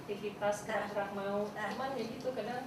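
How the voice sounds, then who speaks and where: A woman with an average-pitched voice asks the speaker a question quietly and hesitantly. The sound is roomy, with a long hall reverb. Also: steady tone, a little fast. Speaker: audience member asking a question.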